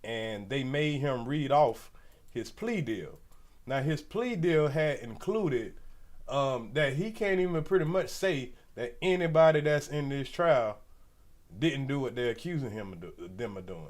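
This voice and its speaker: This man's medium-pitched voice is expressive and a little slow. In his forties and congested, he hosts a casual commentary livestream, rambling loosely in slang and speaking right to his viewers.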